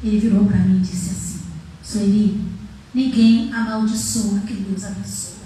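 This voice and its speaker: A woman missionary preacher, telling her testimony in a sermon, acting out the dialogue and moving from soft to loud. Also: medium pitch, fairly even intonation, measured pace. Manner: emotional storytelling, acts out dialogue, swings from soft to loud. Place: church hall. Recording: echoey church hall from far off.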